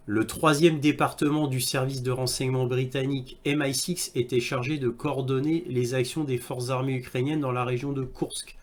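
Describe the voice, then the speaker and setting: A man commenting on video clips and reading articles aloud, with halting delivery and frequent hesitations. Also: medium pitch. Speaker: online news commentator.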